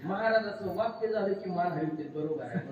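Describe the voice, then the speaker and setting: High-voiced joking kirtan preacher in echoey hall. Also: male voice, a little fast, a crowd in the background. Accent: Marathi rural Maharashtra. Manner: humorous storytelling with sudden loud exclamations. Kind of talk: Marathi kirtan sermon. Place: large pavilion at a kirtan gathering. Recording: far-off echoey hall mic, slightly dull, noisy.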